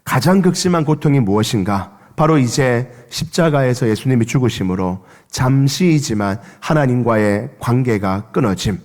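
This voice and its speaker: A man preaching a Sunday sermon as pastor in a church, impassioned, rising and falling sharply in pitch and loudness as he leads the congregation in reading aloud. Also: expressive, normal speed, few pauses. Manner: impassioned, with dramatic swings of pitch and level. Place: church sanctuary. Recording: long church reverb.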